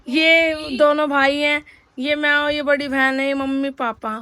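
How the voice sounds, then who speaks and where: High-voiced chatty young woman vlogger. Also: little pitch movement, measured pace, pushed and bright, no echo. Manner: chatty and rambling, addresses viewers directly. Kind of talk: casual vlog chat.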